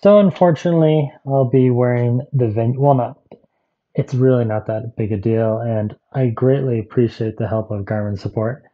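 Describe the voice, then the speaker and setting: A man's voice: mid-range voice, normal speed, lo-fi sound. A man chatting casually through a gadget review vlog, rambling with asides as he tries out devices.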